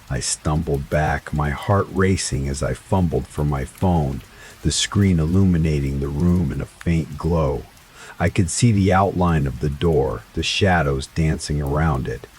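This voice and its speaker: Man reading a scary story, really deep low voice, faint rain behind. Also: darkish tone, a little hiss or hum. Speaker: horror story narrator. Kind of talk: scripted first-person horror narration. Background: rain ambience.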